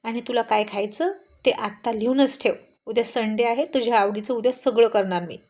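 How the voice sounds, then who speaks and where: A woman voicing a confident rich man, a teasing, loving husband who can turn calm and firm. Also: a little high, brisk, lightly acted.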